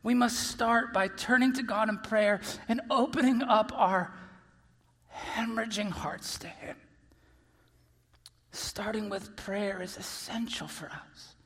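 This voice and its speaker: A man preaching a sermon as pastor, earnest, dropping to soft near-whispers and then rising to loud emphasis. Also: high-pitched, takes it slowly. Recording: long reverb of a large hall.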